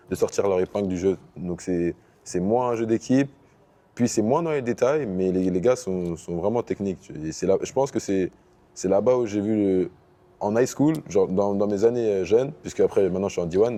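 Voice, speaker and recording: Deep-voiced young man from Paris. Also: a little fast. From Paris, France. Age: young adult. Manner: relaxed, slips into English basketball terms. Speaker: basketball player guest. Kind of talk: casual interview answers.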